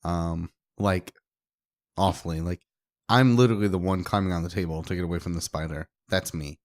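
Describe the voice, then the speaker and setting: A man co-hosts a casual podcast in a lowish voice. He talks in a sheepish, self-deprecating way. The sound is dry and close to the mic. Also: steady tone, brisk, no room sound. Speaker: podcast co-host. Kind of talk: casual chat.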